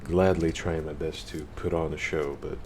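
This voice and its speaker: Deep voiced guy streaming a game, reads the text flat and monotone, trips on words. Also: normal speed, a little hiss or hum. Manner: monotone reading with frequent restarts. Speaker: let's play streamer. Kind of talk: reading game text and commenting. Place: home streaming setup.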